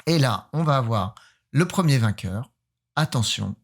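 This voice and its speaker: A Frenchman, a photographer running a giveaway, hosts a casual photography vlog in a playful, self-mocking manner and often hesitates with fillers. His voice sits at a middle pitch for a man, and he sounds animated at a moderate pace.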